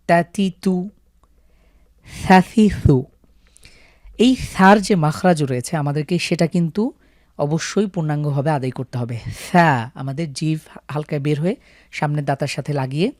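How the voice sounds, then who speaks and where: A man's voice: fairly high pitch, a little mellow, no room sound, clean studio sound. A man with a Bangladeshi Bengali accent teaching Quran reading, patiently explaining and chanting syllable drills aloud. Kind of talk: step-by-step recitation lesson.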